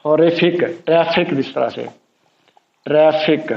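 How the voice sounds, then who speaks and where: A man's voice: a little high, slow, gravelly. A man teaching English spelling rules, patiently repeating each rule and example word. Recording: echoey room, dull lo-fi sound.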